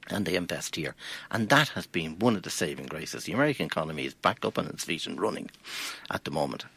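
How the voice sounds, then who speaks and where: Irish guy, deep gravelly husky voice, swings up and down a lot, fires off rhetorical questions. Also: lively intonation, fast talker, fairly bright tone. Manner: emphatic, argues with rhetorical questions. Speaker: financial planner guest. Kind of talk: studio interview commentary.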